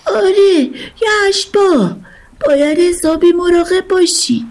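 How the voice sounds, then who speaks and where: A big, wise old dolphin from a storybook speaks kindly and patiently, as a woman narrator puts him on. The voice sits high yet mellow in tone. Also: lively intonation. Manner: gentle, patient, explaining.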